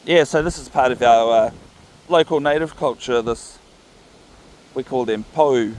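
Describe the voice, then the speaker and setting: A man's voice: medium pitch, darkish tone, slight background noise, low-quality recording. A man with a New Zealand accent rambling casually and thinking aloud as he records a vlog on a walk. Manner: unhurried, thinking aloud, musing. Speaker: vlogger walking his dog. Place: outdoors, walking along a path. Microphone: phone recording while walking.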